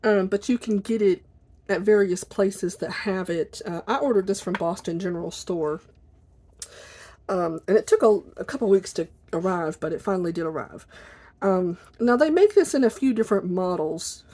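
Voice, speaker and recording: A woman chatting casually and informally at her desk for a video, in an apologetic, rambling way, with a squeaky chair that may creak behind her. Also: normal speed, dark tone. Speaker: video blogger. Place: at a desk indoors.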